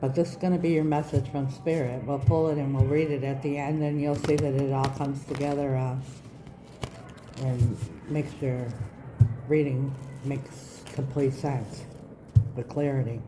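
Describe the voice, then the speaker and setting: A woman with a low-pitched voice reads cards for her online viewers in an earnest, reassuring way. Her consonants are a little slushy and slurred. The room echoes around her, and there is clear noise behind the voice. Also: little pitch movement, a little slow. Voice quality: slightly slurred, slushy speech after mouth surgery. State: recovering from mouth surgery, speech slightly off. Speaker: tarot reader, channel host. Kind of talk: spiritual card reading to online viewers. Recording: roomy echo, background noise.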